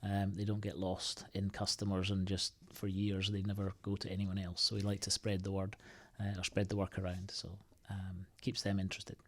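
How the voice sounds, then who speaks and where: A man from the United Kingdom, a guest on an interview show, answering in a halting, thoughtful way with many restarts and fillers. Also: deep voice, completely flat delivery, a bit bright. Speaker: podcast guest, IT consultancy co-founder.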